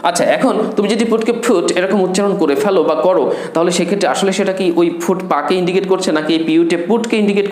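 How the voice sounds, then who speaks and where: A man teaching an English pronunciation class, drilling words slowly and having students repeat after him. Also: sits high, a little mellow. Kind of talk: online spoken English lesson. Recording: echoey room with faint noise.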